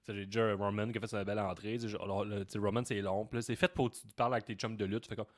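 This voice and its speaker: A man's voice: on the low side, rapid-fire. A young man with a Quebec French accent co-hosting a casual wrestling podcast, retelling matches animatedly. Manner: animated storyteller, acts out wrestlers' lines. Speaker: podcast co-host. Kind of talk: casual chat.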